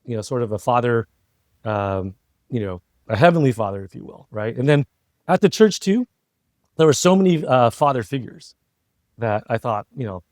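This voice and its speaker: This guest, a middle-aged American entrepreneur who was once a CEO, reflects talkatively in a relaxed interview and keeps seeking agreement. The studio-quality recording has no echo, and his medium-pitched, darkish voice is animated at a moderate pace.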